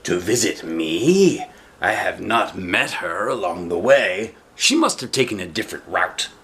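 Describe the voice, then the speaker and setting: Storybook villain: a man plays a sly old wolf disguised as granny, deep, coaxing, unhurried. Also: animated, a bit bright, a little hiss or hum, exaggerated voice. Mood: feigned sweetness. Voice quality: low voice. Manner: slow, drawn-out, coaxing. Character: cunning old wolf posing as kindly grandmother.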